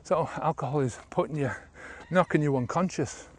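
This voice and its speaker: A man's voice: on the high side, normal speed, slight background noise. A man of about fifty, a sobriety coach, talking casually in a vlog while walking an outdoor trail, rambling with many fillers, filmed on a handheld camera at arm's length.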